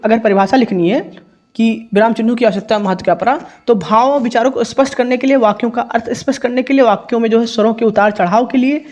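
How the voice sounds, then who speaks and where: A man's voice: high voice, darkish tone, dull audio. A male teacher solving an exam paper in a lesson, explaining step by step with many repetitions and self-corrections.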